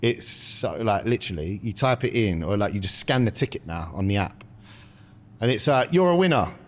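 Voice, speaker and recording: A man with a London accent and a deeper voice with some bass, trading dry quips in casual podcast banter. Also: moderate pace. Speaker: podcast co-host.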